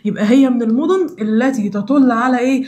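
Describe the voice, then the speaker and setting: Speaking fast with a warm tone and a voice on the high side, a young woman teacher from Alexandria with an Egyptian Arabic accent leads a recorded social studies lesson for children. She asks the same question over and over to drill the answers.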